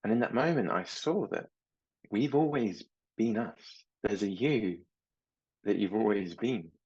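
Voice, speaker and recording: A low-voiced middle-aged man with a husky edge, speaking as a mindset coach. He talks in a slow, gentle, reflective way, and the recording sounds slightly dull. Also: lively intonation. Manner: slow, gentle and reflective, with anecdotes about his children. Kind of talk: reflective talk to camera.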